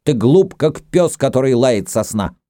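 A man's voice: on the low side, expressive, normal speed, warm tone, dry recording, clean studio sound, pitched above the performer's own voice, lightly acted. A man voicing a hot-tempered host who barks and scolds in a raised tone. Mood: furious. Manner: barking, raised tone. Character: hot-tempered male host, blustering and threatening.

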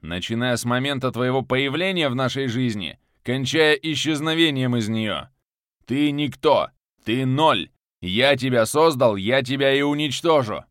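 A man voicing a cold, venomous male crime boss who shouts in fury. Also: mid-range voice, expressive, measured pace, few pauses, dry recording, studio quality, voice pushed up. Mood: furious.

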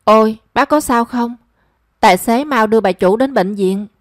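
A remorseful young woman pleads and worries aloud, as a woman narrator voices her. Her voice is a little high and sounds dry and close. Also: normal speed, no echo, natural voice. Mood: pleading. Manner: pleading and emotional. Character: young daughter, remorseful and anxious.

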